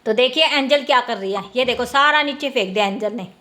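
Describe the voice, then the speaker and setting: A woman's voice: a little high, brisk, pushed and bright. A woman in her thirties chatting to viewers as she does household chores in a casual family vlog. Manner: chatty, showing chores while talking to viewers; laughs often while talking. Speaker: family vlogger. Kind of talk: casual home vlog narration.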